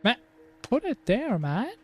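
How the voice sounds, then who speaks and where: A man's voice: extremely high pitch, wildly swooping pitch, takes it slowly, a bit bright, slightly rough, soft background music. A young man streaming a game, giving casual, emotional commentary and often tagging "man" onto his sentences. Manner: emotional, keeps saying "man".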